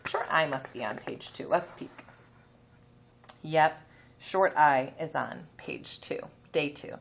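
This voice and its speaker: An elementary teacher gives children a reading lesson, explaining instructions, sounding out letters and reading a passage aloud. Her voice sits low and creaky, and she speaks slowly.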